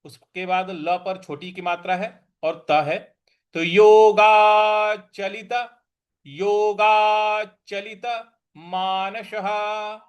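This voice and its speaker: ऊँची आवाज़ वाला धीमा पाठ करता पुरुष. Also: male voice, high voice, steady tone. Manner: chants verse slowly, then explains rules quickly. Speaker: Sanskrit recitation teacher. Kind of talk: slow recitation lesson with pronunciation drills.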